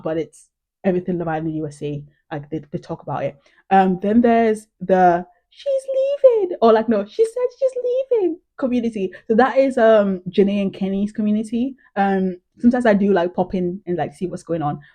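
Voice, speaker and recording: A woman's voice: mid-range voice, dark tone. A young British woman chatting casually to camera as a vlogger, gushing and full of "like" and "um". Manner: chatty, gushing, heavy use of "like" and "um".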